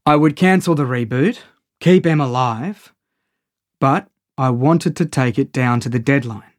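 A man's voice: mid-range voice, a little slow, no room sound, studio quality. A man narrating a first-person audio story in a wry, conversational way.

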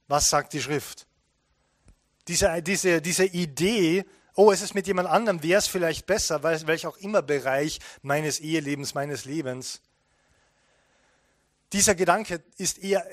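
A middle-aged man preaching a sermon as a pastor, chatty, often checking in with "ja?" and dropping softly for emphasis. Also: dry recording, studio quality. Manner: conversational preaching, asks listeners "ja?", drops to a soft low voice for emphasis.

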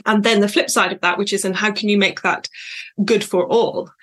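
A woman speaks close to the mic in a solo podcast episode, in a voice of ordinary middle pitch. She talks in a loose, reflective way, wandering into tangents and filling pauses with ums and little laughs. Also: steady tone, a bit bright. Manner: chatty, reflective, digressive with frequent fillers and laughs. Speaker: podcast host and coach.

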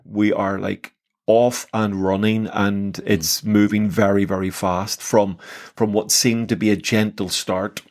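Gravelly low-ish guy on a podcast, keeps restarting sentences, super keen on the bible stuff. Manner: enthusiastic, repeats words while thinking. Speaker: podcast co-host. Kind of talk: casual conversation about scripture.

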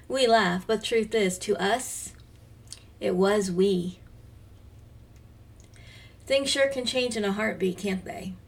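Devotional host, woman in her fifties, creaky gentle read, set back from the mic. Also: medium pitch, slow pace, pauses often. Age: 50s. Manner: gentle, reflective, drops to soft near-whispers. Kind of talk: reading a devotional aloud. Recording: voice slightly distant from the mic.

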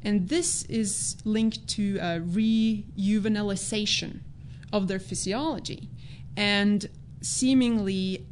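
A woman who grew up in Norway, a biologist answering interview questions in a measured, explanatory way. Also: mid-range voice, steady tone, slight background noise. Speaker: biologist guest.

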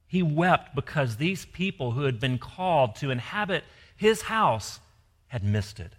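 Guy preaching a sermon, lots of rhetorical questions, goes soft for emphasis, echoey church hall. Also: medium pitch. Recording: long hall reverb.

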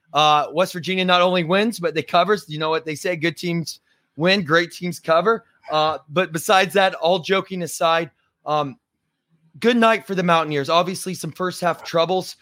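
A hoarse man hosting a sports podcast, chatty and joking with lots of fillers. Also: a little high, steady tone, moderate pace, fairly bright tone, no echo, clean studio sound. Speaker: podcast host. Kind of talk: casual sports talk.

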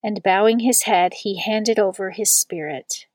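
A woman reading a long scripture passage aloud in a measured liturgical style, slowing down on the quoted words. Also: medium pitch, darkish tone, dry recording. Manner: slow and deliberate on quoted words. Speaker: scripture reader.

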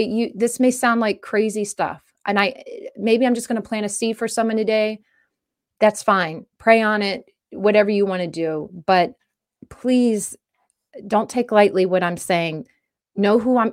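A woman's voice: mid-range voice, moderate pace. Urgent, earnest woman preaching to camera. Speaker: comedian giving a faith message. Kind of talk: impassioned direct-to-camera talk.

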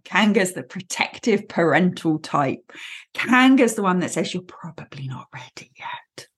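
A woman hosting a solo podcast, talking in a lively, playful way and laughing easily. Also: on the high side, slightly rough. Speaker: podcast host and coach.

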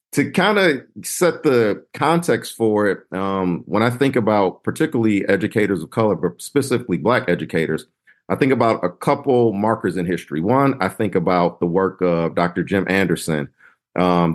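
A man hosting a podcast, talking in a lively, slangy, conversational way as he interviews a guest. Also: fairly low pitch. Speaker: podcast host. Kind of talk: casual interview.

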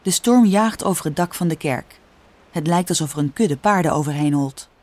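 A woman with a Dutch accent reading a children's story aloud in a calm, clear storytelling manner. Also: low voice, moderate pace, no room sound. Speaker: narrator. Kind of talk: scripted storybook narration.

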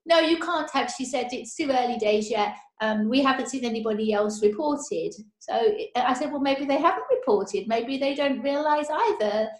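Woman interviewee, nurse, conversational storytelling, slightly high voice, roomy echo. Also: lively intonation, moderate pace, few pauses. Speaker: respiratory nurse being interviewed. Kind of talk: personal account in an interview. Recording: roomy, echoey call audio.

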